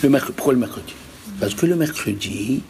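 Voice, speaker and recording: A rabbi teaching a religious lesson to a live group, emphatic and full of rhetorical questions. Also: male voice, mid-range voice, animated, fairly quick, creaky, noisy background.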